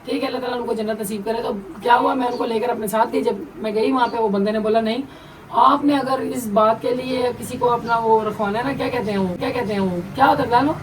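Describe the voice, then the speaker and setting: A woman's voice: on the high side, fairly even intonation, fast. A woman telling a family story to her viewers in a chatty, emotional way. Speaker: vlogger. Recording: distant mic with background noise.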